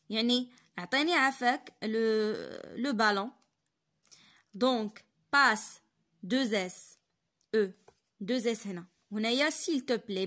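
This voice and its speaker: A young woman in her twenties with a Moroccan Arabic accent, teaching a French lesson as a tutor, reading sentences slowly and then explaining them quickly in Darija. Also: fairly high pitch, fairly bright tone.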